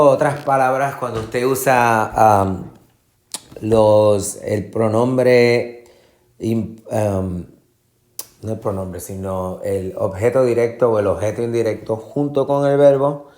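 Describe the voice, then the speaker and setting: Guy teaching spanish, lowish voice, patient, keeps repeating words slow to show the stress, drops english fillers. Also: darkish tone. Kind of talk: classroom lesson.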